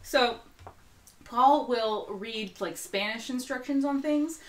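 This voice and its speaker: Chatty woman co-hosting, quick to laugh. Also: a little high. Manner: chatty, laughs often, animated bursts. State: slightly strained throat. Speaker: podcast co-host. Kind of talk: casual chat.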